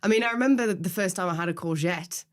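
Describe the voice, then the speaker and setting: Woman, 40s, from Stoke. Low-ish, chatty, easy laugh; relaxed podcast guest. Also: fast. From Stoke-on-Trent, England. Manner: chatty, laughs while telling stories. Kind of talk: casual conversational interview.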